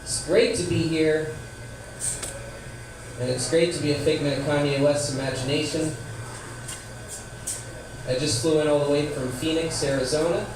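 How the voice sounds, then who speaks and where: A man's voice: fairly high pitch, fairly even intonation, normal speed, long pauses. A man performing a stand-up comedy set, delivering short jokes to a live venue. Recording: echoey room, distant mic, noisy.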